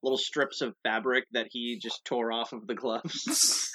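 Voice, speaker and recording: A man's voice: medium pitch, fairly even intonation, unhurried, bright, forceful tone. A man in casual chat, rambling through ideas, laughing often and acting out little bits.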